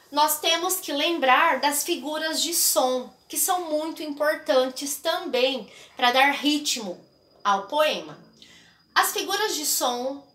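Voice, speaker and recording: A woman's voice: high-pitched, sharp tone. A woman teacher with a Brazilian Portuguese accent explaining a literature lesson and often checking in with her students. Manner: explanatory, checks in with frequent tags. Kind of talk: recorded classroom lesson. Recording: echoey room.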